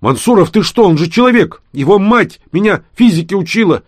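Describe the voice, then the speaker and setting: A blunt, agitated officer in his middle years speaks up loudly and heatedly, as a male audiobook reader voices him. The voice is raised well above the reader's low register. It is recorded close and dry. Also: lively intonation, brisk, slightly rough, no echo.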